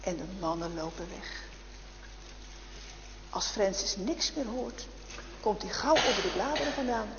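Expressive woman storyteller in an echoey hall. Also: mid-range voice, unhurried, long pauses, lo-fi sound, a little hiss or hum. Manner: expressive, addresses listeners directly. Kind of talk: lively storytelling.

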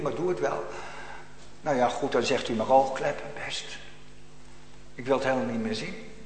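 A man preaching a sermon, swinging between loud emphatic calls and quiet, almost whispered asides. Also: fairly high pitch, slight background noise. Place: church. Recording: echoey church hall.

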